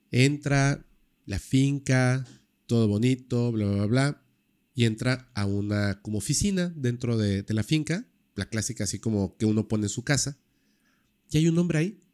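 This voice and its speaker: A man casually telling a true-crime story on a podcast, lively and full of fillers. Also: medium pitch. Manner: animated, acts out quoted dialogue, many fillers.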